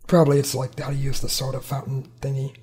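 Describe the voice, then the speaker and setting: A man co-hosting a podcast, joking around in an animated, casual way and laughing often. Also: medium pitch, quick pace. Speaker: podcast co-host. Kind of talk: casual chat.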